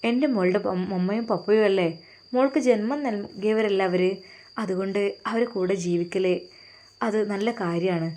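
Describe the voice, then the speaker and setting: A pious, loving older mother, played by a woman, gives tender, sorrowful advice. The tone is warm and mellow, like an audio storybook. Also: mid-range voice, moderate pace, lightly acted.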